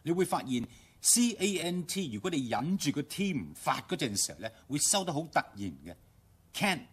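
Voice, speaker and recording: Husky Hong Kong man teaching English words. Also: a little high, big pitch swings. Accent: Hong Kong Cantonese. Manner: explains slowly, then models words in careful English. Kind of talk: radio language lesson. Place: radio studio.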